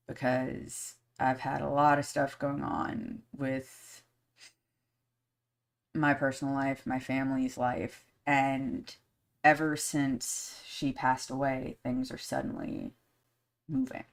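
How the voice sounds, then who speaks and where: A woman hosting a podcast live stream in casual chat, candid and blunt, swearing freely and rambling with many fillers. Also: rumbling low. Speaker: podcast host.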